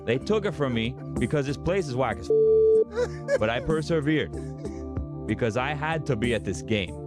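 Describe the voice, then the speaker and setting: A man's voice: medium pitch, wildly swooping pitch, moderate pace. Man playing a brash Miami Cuban hype-speech bro. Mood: fired-up, defiant. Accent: Miami Cuban-American. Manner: emphatic, dramatic build-ups, slangy Spanglish. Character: brash, hyped-up young Miami superfan bro. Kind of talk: booming motivational hype speech. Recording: background music under the voice.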